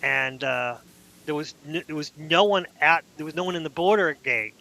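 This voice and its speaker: A man's voice: a little high, normal speed, pushed and bright. A man in casual podcast chat, telling rambling anecdotes full of restarts. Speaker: podcast host.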